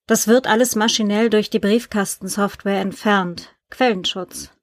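A woman's voice: medium pitch, fairly even intonation, moderate pace, no echo, close to an everyday voice. A woman reading a polite male journalist. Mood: explaining. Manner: polite, businesslike questioning.

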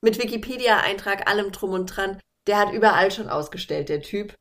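A young woman, an artist, telling a story in casual chat, animated, blunt and sarcastic. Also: mid-range voice, fairly quick.

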